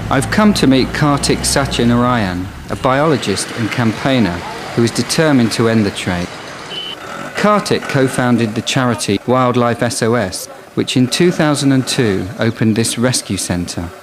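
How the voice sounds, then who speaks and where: A man's voice: medium pitch, animated, moderate pace, noisy background. A man presenting and narrating a nature documentary in a scripted reporting style. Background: music under the narration.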